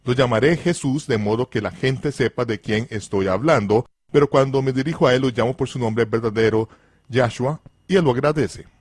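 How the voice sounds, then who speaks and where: A man giving a religious lesson, slowly spelling out letters and repeating pronunciations with deliberate care. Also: medium pitch, a little mellow, no room sound, studio quality. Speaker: religious teacher.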